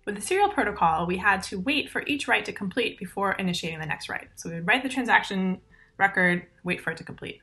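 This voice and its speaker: A woman in her thirties giving a recorded conference talk over slides, explaining technical steps clearly and methodically into a laptop mic. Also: mid-range voice, lively intonation, fast, bright, forceful tone. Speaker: conference presenter.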